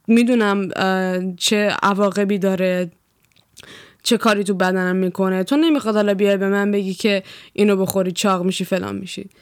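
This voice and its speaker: A young woman from Iran speaks her mind in a blunt, profane, animated rant. Her voice is smooth and clear, and the recording is dry and close, with no room sound. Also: fairly high pitch, dry recording. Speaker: vlogger. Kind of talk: casual chat.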